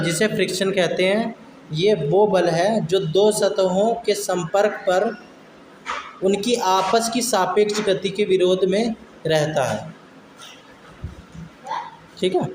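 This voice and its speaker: A male science teacher giving a classroom lecture. He dictates slowly, then explains with everyday examples, often checking in with "okay", and scolds students firmly. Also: high voice. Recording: echoey classroom with background noise.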